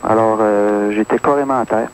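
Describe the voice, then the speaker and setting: A Québécois French-accented man in his 30s calls in to a radio show to give earnest testimony, hesitating with many fillers. His voice is lowish, with fairly even intonation and normal speed. The recording is rough, AM radio with faint hiss.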